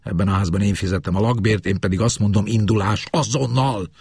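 A man's voice: lowish voice, steady tone, gravelly, a little mellow, slightly rough, dry recording, studio quality. A man voicing an exasperated middle-aged wife who gives orders. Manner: exasperated, commanding. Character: middle-aged wife, fed up, sharp-tongued.

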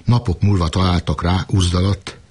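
A man narrating a literary novel in a measured, unhurried reading. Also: low voice, level tone, a little mellow, slightly rough.

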